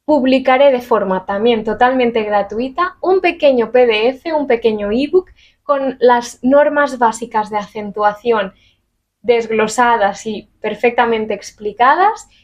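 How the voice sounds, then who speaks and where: A woman from teaching a Spanish grammar lesson to camera in a lively, chatty way, acting out little example questions. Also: a little high, unhurried, dull audio.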